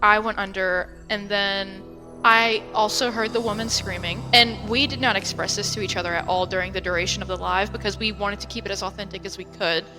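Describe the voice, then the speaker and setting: A woman co-hosting a podcast, chatting casually in an animated way and laughing easily. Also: medium pitch, brisk, in a large hall, music in the background. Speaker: podcast co-host. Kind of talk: casual chat.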